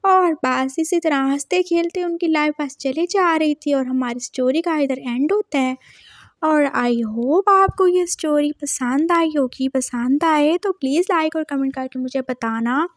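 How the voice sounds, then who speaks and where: A woman storyteller with a high voice narrates in a casual, chatty way. She speaks straight to her viewers. The sound is close and dry. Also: measured pace, no room sound. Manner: chatty, addresses viewers directly.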